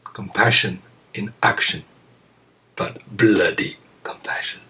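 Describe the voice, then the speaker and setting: A man giving a reflective Zen teaching talk to students, musing aloud with many pauses and soft chuckles. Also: low voice. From France. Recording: voice picked up from a distance.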